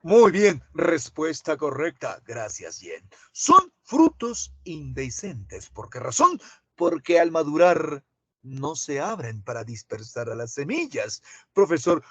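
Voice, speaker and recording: Man, lively pitch, slow and husky, dry close sound. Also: dry recording. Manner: slow, drawn-out questions to students. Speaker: teacher. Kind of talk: online class lecture.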